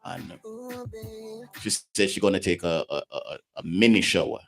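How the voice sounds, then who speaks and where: A man telling a personal story on a talk show, laughing often and swinging between loud bursts and low mutters. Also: moderate pace, vocal fry. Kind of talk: animated storytelling.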